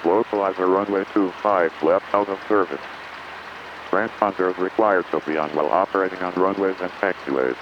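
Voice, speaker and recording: A man's voice on an automated airport weather broadcast, reciting wind, clouds and runway information in a flat, recited way over an aircraft radio. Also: low-pitched, a little fast. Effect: airport weather broadcast heard over aircraft radio. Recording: muffled aircraft radio under engine noise.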